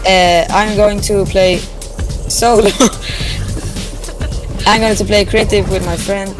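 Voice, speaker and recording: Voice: mid-range voice, flat delivery, slow pace. Casual gamer host with a mid-range voice, chatting loosely over game music. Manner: rambling, with many fillers and restarts. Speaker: channel host. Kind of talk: casual gaming chat.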